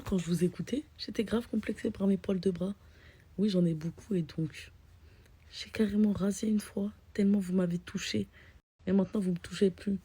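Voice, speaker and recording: Blunt young woman with a deep voice. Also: mellow, slightly rough. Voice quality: low, deep voice. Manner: blunt, ranting, slangy, addresses "les filles"; often drops to a whisper. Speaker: vlogger. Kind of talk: casual chat to camera.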